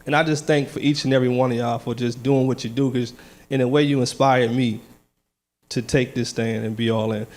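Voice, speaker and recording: With a mid-range, steady, slightly mellow voice and a brisk pace, a man shares his testimony during a church service and follows it with a brief sermon. At first he seems nervous, laughing frequently, but his earnest, casual talk grows firm and declaring.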